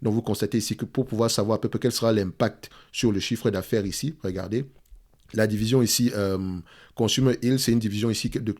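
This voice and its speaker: Homme au ton hésitant, voix grave. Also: male voice, fairly low pitch, a little mellow. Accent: French speaker's accent in English. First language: French. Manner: hesitant, repeats words, checks in with "d'accord?" and "ok?". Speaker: investment analyst, channel host. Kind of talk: screen-share stock analysis walkthrough.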